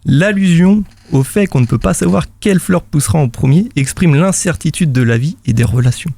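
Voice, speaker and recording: A man doing a half robot voice, reading out a machine's answer in a stiff, mock-solemn way. The tone is gravelly, at a middle pitch, and the sound is dry and close. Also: a little fast, warm tone, dry recording. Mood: mock robotic. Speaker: radio show columnist.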